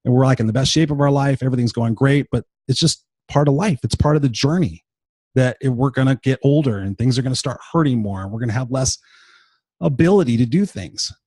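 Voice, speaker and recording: A man's voice: mid-range voice, fairly quick, warm tone, no room sound. A man in his fifties hosting a motivational podcast, talking bluntly and with profanity in an unscripted monologue while tired and unwell. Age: 50s.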